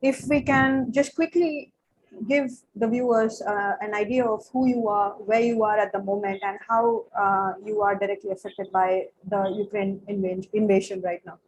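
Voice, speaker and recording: A woman interviewing a guest, asking long, measured questions with the occasional filler. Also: medium pitch, steady tone, darkish tone, slight background noise, rough recording.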